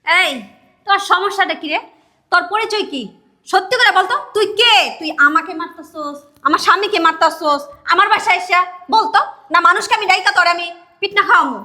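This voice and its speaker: A woman's voice: extremely high pitch, fairly quick, pushed and bright. A woman acting a defiant wife in a short film, scolding an intruder. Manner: scolding, defiant, dialectal speech. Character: defiant wife defending her husband.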